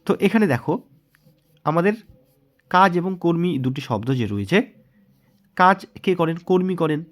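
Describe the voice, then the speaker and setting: A man's voice: fairly high pitch, lively intonation, moderate pace. A man with a Bengali accent, teaching exam prep and patiently walking through mock test answers, asking questions and then answering them himself.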